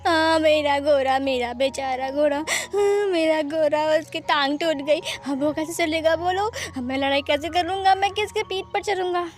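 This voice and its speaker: A woman's voice: high voice, normal speed, fairly bright tone, soft background music. A woman voicing a grown man who talks and whines like a five-year-old boy, in a fan fiction reading. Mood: wailing. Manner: whiny, sobbing over a broken toy.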